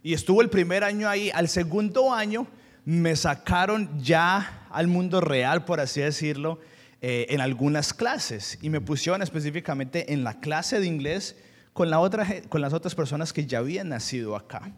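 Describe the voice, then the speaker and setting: A man's voice: on the high side, expressive, moderate pace. A young man from Colombia with a Colombian Spanish accent, preaching a sermon as a pastor, telling personal stories earnestly and slipping into English asides. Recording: long hall reverb.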